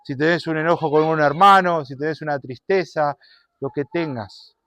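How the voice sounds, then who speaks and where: A man preaching a sermon and telling a story, animated, shifting between loud and soft. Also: a little high, normal speed, no echo.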